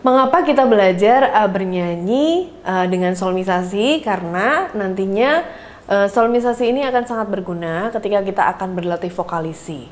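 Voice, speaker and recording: A woman vocal coach giving an online singing lesson. She speaks to learners in a friendly way with many "eh" fillers, and between explanations she sings scales and warm-up syllables. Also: mid-range voice, lively intonation, moderate pace.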